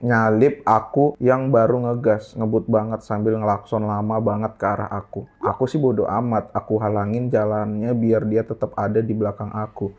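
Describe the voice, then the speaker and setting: A man's voice: lowish voice, normal speed, few pauses. Man casually reading a horror story. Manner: casual, lively storytelling with slang.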